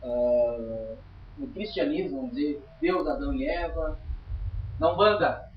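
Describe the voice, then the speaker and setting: A man's voice: fairly high pitch, measured pace, recorded from a distance, a little hiss or hum. A man teaching a spiritualist study group in an informal lecture, chatty and emphatic, often checking in with his listeners. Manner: chatty, emphatic, tags lines with "tá?". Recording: roomy, dull lo-fi room recording.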